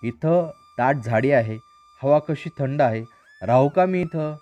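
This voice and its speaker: A man's voice: medium pitch, animated, takes it slowly. A man voicing a polite male lion who humbly apologizes and asks for shelter in a storybook tale. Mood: pleading. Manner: apologetic, pleading. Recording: dry, slightly dull recording.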